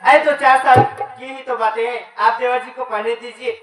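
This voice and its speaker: A woman's voice: on the high side, steady tone, fairly quick, very noisy, natural voice. A woman playing a young woman earnestly pleading on a folk theatre stage. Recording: distant echoey live stage recording. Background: crowd and music.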